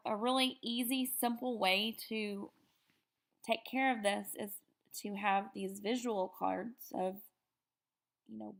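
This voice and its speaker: A woman giving an upbeat slide presentation to teachers, often pausing on fillers. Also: mid-range voice, creaky, a bit bright. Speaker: teacher educator. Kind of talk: presentation lecture over slides.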